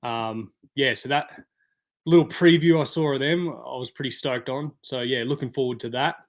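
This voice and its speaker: A man's voice: medium pitch, normal speed. A man hosting a casual live stream, chatting and answering viewer comments by name. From Australia.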